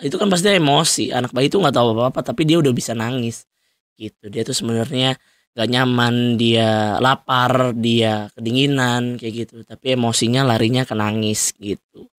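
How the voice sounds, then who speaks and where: A man's voice: medium pitch, normal speed, no room sound, clean studio sound. A young man hosting a solo podcast, talking loosely and rambling with frequent fillers and laughs. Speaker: podcast host. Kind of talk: solo casual podcast monologue.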